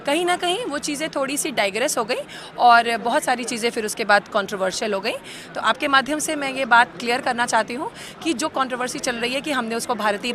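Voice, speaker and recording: A woman representing a university, explaining herself to reporters in a measured way, mixing in English terms. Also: a little high. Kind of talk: press statement to reporters.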